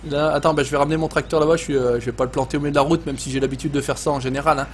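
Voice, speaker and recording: A man with a Savoyard French accent chatting loosely through a live gaming stream, swearing and joking as he reads out viewers' messages. His voice sits high for a man. A faint hiss runs under the talk. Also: steady tone, very fast. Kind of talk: casual live-stream chat.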